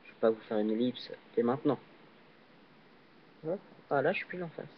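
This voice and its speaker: A young man casually commenting while he plays a video game, hesitant and full of fillers, with sudden excited yelps on jumps. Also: mid-range voice, a little fast, a little hiss or hum. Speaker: gaming channel host. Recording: dull lo-fi recording.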